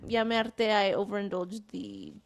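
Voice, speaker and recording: A woman's voice: mid-range voice, expressive, normal speed, slight background noise. A pregnant young woman co-hosting a casual podcast, talking in a rambling, chatty way and laughing often. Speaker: podcast co-host. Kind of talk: casual chat.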